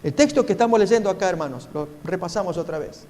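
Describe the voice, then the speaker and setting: A man's voice: high voice, animated, fast, darkish tone. A male pastor preaching a sermon, telling a story and exhorting his listeners earnestly. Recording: echoey hall reverb.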